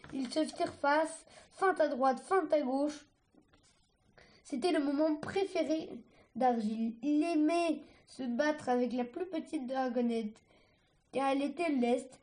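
Slow halting woman reading a story. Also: high-pitched, a little mellow. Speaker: reader.

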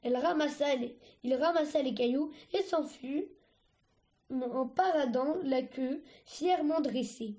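A woman reading a storybook aloud, haltingly, with restarts. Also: high voice, dark tone. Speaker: reader.

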